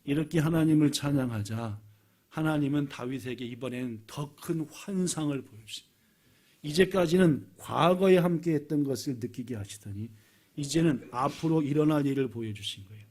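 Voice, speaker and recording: A male pastor preaching a sermon, dramatic and questioning, swinging from loud cries to hushed tones. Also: medium pitch, husky. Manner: asks the congregation questions.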